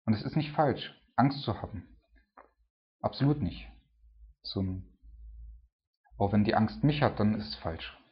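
A man's voice: on the low side, animated, a little slow, pauses often, muffled recording. A man giving a sermon in a conversational tone, filling his talk with "so" and "ne?". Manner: conversational preaching, peppered with "so" and "ne?". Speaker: preacher. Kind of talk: sermon on a psalm.

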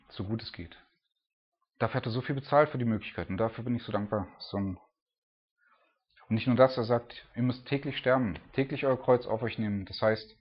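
A man's voice: medium pitch, lo-fi sound. A man preaching in a loose, chatty way, full of filler words. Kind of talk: casual preaching.

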